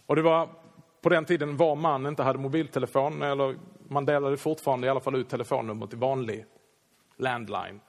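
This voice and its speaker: A man, a Swedish pastor, telling a lively anecdote in a sermon and acting out the quoted lines. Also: mid-range voice. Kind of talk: sermon storytelling.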